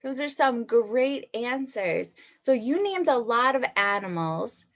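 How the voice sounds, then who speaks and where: A woman teacher leads an online read-aloud for young children, speaking slowly and clearly. Her voice sits a little high, and she keeps asking questions and praising every answer. The sound through her computer mic is dull and lo-fi. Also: animated.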